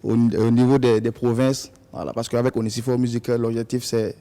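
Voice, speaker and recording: A man's voice: mid-range voice, flat delivery, a little fast, dark tone. A man with a Burkinabè accent explaining his work as a talk show guest, careful and hesitant, often repeating himself. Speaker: guest, head of a music school.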